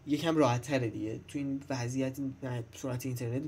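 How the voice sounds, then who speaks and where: A man's voice: medium pitch, fairly even intonation, darkish tone, breathy edge. A young man teaching English vocabulary to schoolchildren in a casual, chatty way, speaking straight to the students and repeating points. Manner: chatty, repeats himself, addresses students directly. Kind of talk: casual classroom-style lesson.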